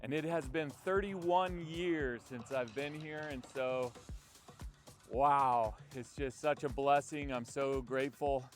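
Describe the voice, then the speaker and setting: A man's voice: medium pitch, fairly even intonation, slow pace, faint music behind. A middle-aged man who grew up in Saudi Arabia, earnestly presenting a travel documentary and explaining things step by step.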